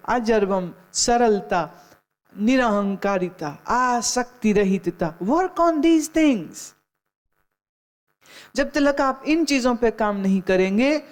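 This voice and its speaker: A woman's voice: medium pitch, a little mellow. A middle-aged woman spiritual teacher giving a discourse, telling stories and admonishing listeners, slipping in English phrases. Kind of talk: Gita discourse.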